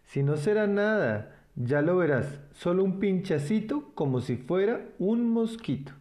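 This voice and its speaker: A man's voice: sits high, very animated, a little slow, a little mellow, pitched above the performer's own voice. A man voicing a kind female nurse in a children's story, soothing and coaxing.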